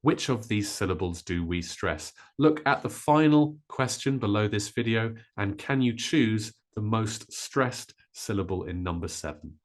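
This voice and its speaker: A man gives an English pronunciation lesson, modelling stressed words with clear, deliberate delivery. His voice is fairly low-pitched with lively intonation.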